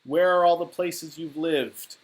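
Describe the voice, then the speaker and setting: A man's voice: a little high, steady tone, unhurried, rough recording. Chatty man answering fan questions at home. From Southern California. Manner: candid, matter-of-fact, rambling with fillers. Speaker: musician livestreaming Q&A. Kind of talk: casual livestream Q&A, reading viewer questions. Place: living room at home, indoors. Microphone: webcam or laptop mic at desk.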